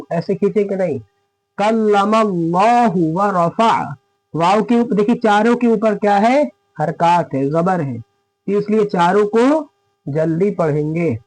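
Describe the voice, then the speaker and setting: A man's voice: sits high, a little mellow, no echo, rough recording. A man giving a spoken lesson on Quran reading, explaining each rule step by step and checking in with his listeners. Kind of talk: spoken lesson with recited examples.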